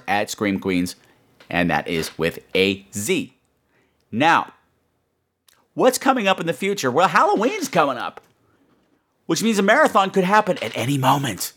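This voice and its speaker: This horror podcast host has a mid-range, fairly bright voice. Addressing his listeners, he's emphatic and campy, playfully making fun of himself.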